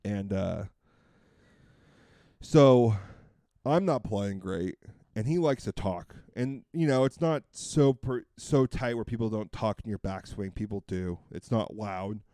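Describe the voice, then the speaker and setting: Guy rambling thru a story, kinda low voice, lots of um and like, dry close sound. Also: slow pace, dark tone, no echo. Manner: rambling, full of fillers and restarts. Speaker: podcast co-host. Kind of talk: casual storytelling chat.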